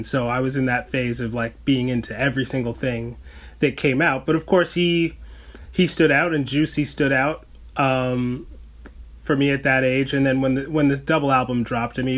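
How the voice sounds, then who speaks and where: A man's voice: mid-range voice, fairly bright tone. A man in his forties from Canada, a guest on a podcast, speaking in a thoughtful, reflective way. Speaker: guest rapper. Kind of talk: podcast interview.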